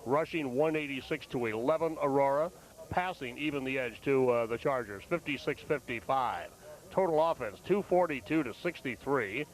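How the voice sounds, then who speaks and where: A man working as a play-by-play broadcaster, giving live halftime football commentary in a measured, conversational, pausing way. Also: medium pitch, rough recording.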